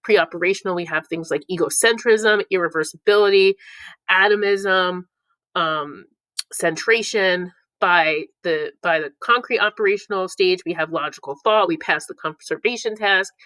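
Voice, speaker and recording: A woman's voice: on the low side, moderate pace, a bit bright, no echo, rough recording. A woman teaching a review lesson, playful, breaking into silly voices for the clues between explanations. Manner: playful, reads clue lines in put-on voices.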